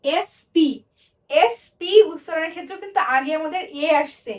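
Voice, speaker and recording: A woman's voice: extremely high pitch, moderate pace, recorded from a distance, rough recording. A woman teaching English grammar in a lesson, explaining step by step and repeating example words and sentences.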